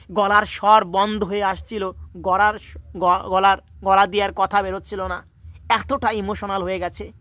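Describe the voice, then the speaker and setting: High, bright-voiced male teacher explaining a story. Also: no room sound. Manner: stops often to explain words and restate lines. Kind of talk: reading and explaining a story in a lesson.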